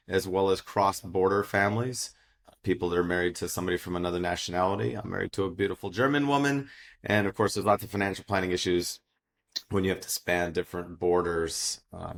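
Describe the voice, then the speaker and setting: A middle-aged American man, a financial advisor, giving steady, explanatory answers in a casual interview. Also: low voice, gravelly. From United States.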